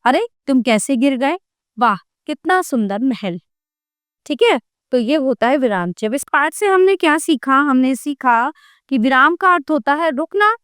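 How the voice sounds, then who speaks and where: A woman teacher giving a gentle children's grammar lesson, speaking directly to the kids and asking them questions. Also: high-pitched, clean tone, no room sound, clean studio sound.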